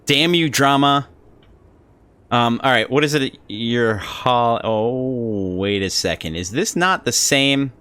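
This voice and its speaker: Guy streaming a game, talks to chat a lot, stumbly, lively pitch. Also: clear, resonant tone. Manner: chatty, halting, talks to his chat. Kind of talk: casual live game stream.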